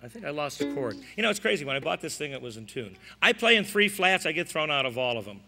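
Older American comedian in a reverberant hall. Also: male voice, on the high side, sing-song, fast talker, gravelly, over loud music. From American Midwest, Chicago area. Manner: folksy, wry joking asides to the audience. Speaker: ukulele-playing comedian. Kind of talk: vaudeville stand-up comedy patter. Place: indoor stage at a live show. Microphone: stand microphone. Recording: live stage sound with long reverb.

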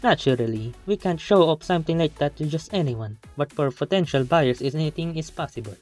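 Woman doing a smooth, boastful shopkeeper pitching goods, in a deep voice. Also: lively intonation, brisk, darkish tone, soft background music. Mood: sly. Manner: salesman's patter. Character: sly smooth-talking shop owner. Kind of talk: fan voice-over of a game story.

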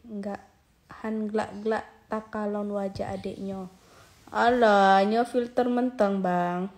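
Young woman, casual live-stream host, slow and easygoing, mid pitch, phone mic. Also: steady tone, darkish tone. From Aceh, Indonesia. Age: 20s. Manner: chatty, reads viewer comments aloud and coaxes viewers to join. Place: indoors, lying on a bed. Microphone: phone held at arm's length.

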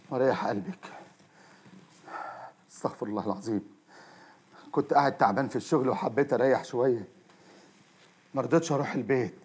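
An actor playing a sly, loud, pleading drug-dealing brother-in-law, in an Egyptian accent. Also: male voice, very high-pitched, full character voice. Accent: Egyptian Arabic. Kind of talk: TV drama acting.

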